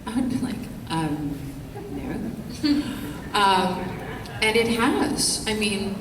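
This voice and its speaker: A middle-aged woman answering a fan question on a convention panel, gushing and animated. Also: medium pitch, drawn-out words. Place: large convention hall. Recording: echoey hall, distant mic, noisy.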